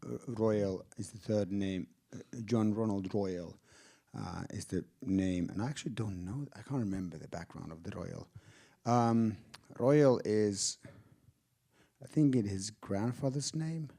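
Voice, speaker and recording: Finnish man, low voice, mellow tone, hesitant, thinking aloud, theater Q&A. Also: unhurried, vocal fry. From Finland. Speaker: film director. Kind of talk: audience Q&A answers. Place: theater stage before an audience.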